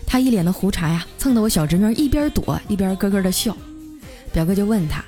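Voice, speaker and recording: Woman storyteller, lively and chatty, middle pitch, faint music bed. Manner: lively, chatty, drawn-out particles. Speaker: radio story host. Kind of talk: scripted comic storytelling.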